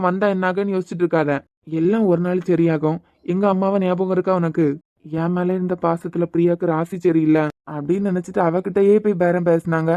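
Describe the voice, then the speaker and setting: A woman voicing a steady, comforting adult man, a doctor like an elder brother, advising a hurt young woman. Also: lowish voice, no room sound, close to an everyday voice. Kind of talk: Tamil audio drama acting.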